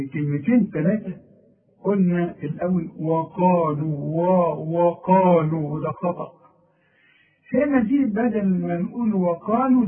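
An Egyptian man teaching Quran recitation rules one-on-one, patiently correcting a student and reciting verses slowly himself. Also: sits high. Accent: Egyptian Arabic. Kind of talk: one-on-one tajweed lesson. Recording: tinny phone line, distant voice.

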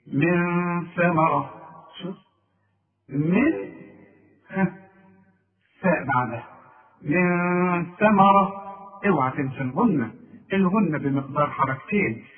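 High-voiced Egyptian man teaching recitation over a tinny line. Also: recorded from a distance. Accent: Egyptian Arabic. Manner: patient, repetitive, quizzes the listener with questions he answers himself; slowly drawls out recited examples with nasal humming. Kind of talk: tajweed lesson. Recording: tinny phone-like sound.

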